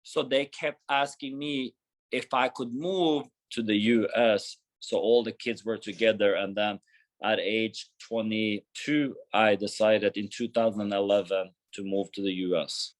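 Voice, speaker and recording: A man's voice: fairly low pitch, steady tone, measured pace, poor audio. A man in his thirties from Norway, a gym founder answering interview questions earnestly with frequent restarts. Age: 30s.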